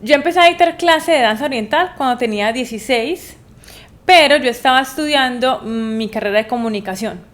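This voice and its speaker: A young woman from Medellín with a Colombian accent, answering interview questions thoughtfully with frequent pauses and fillers. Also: a little high, a bit bright. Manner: thoughtful, many hesitations and fillers. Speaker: guest, dancer.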